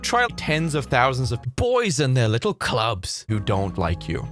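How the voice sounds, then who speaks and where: A man talking casually to camera as a YouTuber, dramatic and theatrical, jumping between hushed asides and loud outbursts, recorded close on the mic. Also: medium pitch, huge pitch swings, unhurried, soft background music. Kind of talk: casual video commentary.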